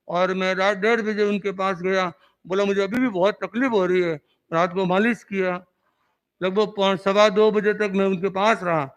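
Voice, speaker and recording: A man, a monk, giving an earnest, reverent memorial speech that recounts remembered conversations. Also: sits high. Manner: earnest storytelling, acting out remembered dialogue; reverent, devotional. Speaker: Jain monk.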